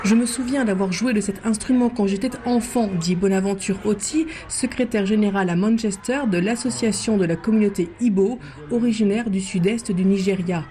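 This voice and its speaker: A woman radio reporter narrating a news report in a measured, even way. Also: medium pitch.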